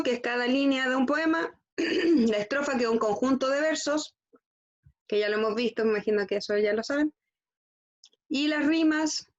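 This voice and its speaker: A woman's voice: fairly high pitch, highs cut off. A woman teaching a school lesson, constantly checking in with her students. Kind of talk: classroom lesson.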